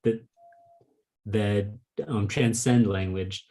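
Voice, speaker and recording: Taking it slowly in a warm, steady voice on the low side, a man whose first language is Vietnamese interviews a fellow author by video call. The talk is casual and considered, with lots of "like" and "um."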